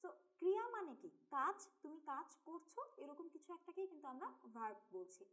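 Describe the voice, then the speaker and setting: A woman's voice: high-pitched, very animated, moderate pace, fairly bright tone. A young woman with a Bangladeshi Bengali accent teaching English grammar in an online lesson. She explains step by step, mixes English terms into her Bengali and talks straight to her students.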